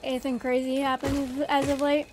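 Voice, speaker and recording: A woman's voice: high-pitched, flat delivery, moderate pace, darkish tone, a little hiss or hum. A woman streaming a game, chatting casually with her viewers, giggling often and greeting them by name. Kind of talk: casual livestream gameplay chat.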